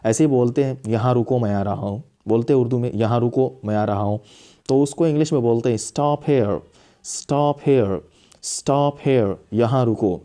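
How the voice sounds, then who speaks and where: A man teaching a spoken English lesson, saying each English command slowly and repeating it several times. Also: mid-range voice, mellow.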